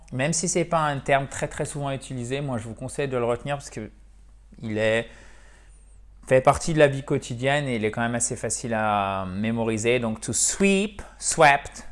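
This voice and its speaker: Man teaching English, chatty. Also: medium pitch. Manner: lively, repeats words slowly, asks ok?. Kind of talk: casual video lesson.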